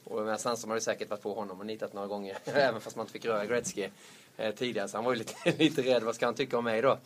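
A man's voice: fairly low pitch, steady tone, a little hiss or hum. A man hosting a podcast, telling hockey anecdotes with frequent chuckles. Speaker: podcast host. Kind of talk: casual storytelling.

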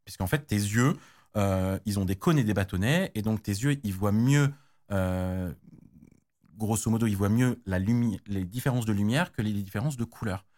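A man's voice: lowish voice, moderate pace, darkish tone. A man explaining technical standards in casual chat, slangy, with many restarts and fillers. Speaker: tech guest expert.

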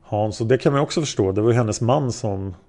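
A man's voice: lowish voice, warm tone. A man voicing a male taxi driver testifying as a witness, answering in a plain, hesitant way. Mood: calm.

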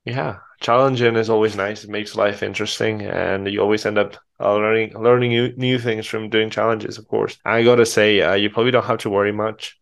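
Male interviewer, creaky, lowish voice, informal and unscripted podcast conversation. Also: fairly even intonation, fairly quick, few pauses. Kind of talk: casual unscripted interview chat.

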